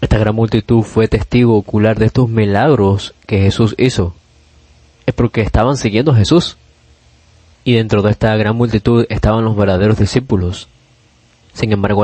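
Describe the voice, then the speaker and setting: A man's voice: fairly low pitch, steady tone, a little fast, a little mellow, no room sound. A man preaching a sermon in an earnest, emphatic way, often repeating key phrases.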